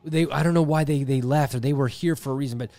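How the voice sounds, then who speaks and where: A man's voice: medium pitch, quick pace, warm tone, dry recording. A man in his thirties co-hosting a podcast, talking in a candid, self-deprecating way with the odd casual swear. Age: 30s. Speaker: podcast co-host. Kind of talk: casual reflective chat.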